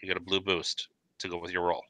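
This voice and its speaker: Bright-voiced male game master. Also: deep voice, monotone, quick pace, no echo. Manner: cinematic scene-setting, repeats words. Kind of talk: narrating a tabletop game.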